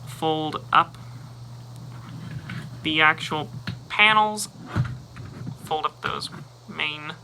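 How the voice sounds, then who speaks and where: A toy reviewer walks through a toy's transformation step by step, relaxed and unhurried, pausing and muttering to himself as he handles it. His voice is a little high for a man, with vocal fry, and a steady hiss runs beneath the recording.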